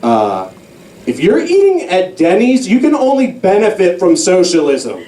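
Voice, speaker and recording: A young man doing a stand-up comedy set in a comedy club, animated and slipping into mock voices for the people in his jokes. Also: sits high, measured pace. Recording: roomy club sound from a distance.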